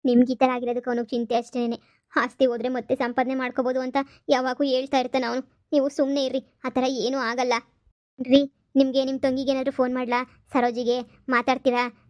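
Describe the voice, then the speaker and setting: A woman voicing a caring middle-aged mother and wife in a cartoon, speaking in a soothing, gently coaxing way. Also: fairly high pitch, monotone, fast talker, dry recording, studio quality, natural voice. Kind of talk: cartoon voice acting.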